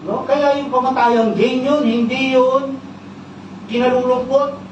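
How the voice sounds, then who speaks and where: A man's voice: very high voice, fairly even intonation, slow pace, far from the mic. Filipino guy preaching, lots of "no?", dull muffled sound, faint noise, big echoey church. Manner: teaching, frequent "no?" tag questions, mixes English terms. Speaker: pastor. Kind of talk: sermon. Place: church worship service.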